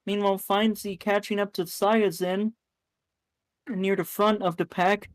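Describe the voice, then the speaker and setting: A woman calls a live race in a chatty, running style and keeps stopping to fix her own words. Her voice sits at an ordinary middle pitch. It sounds dry and close, with no room sound around it. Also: little pitch movement, measured pace, no room sound. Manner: chatty, corrects herself mid-sentence. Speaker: race commentator. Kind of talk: live sim-racing commentary.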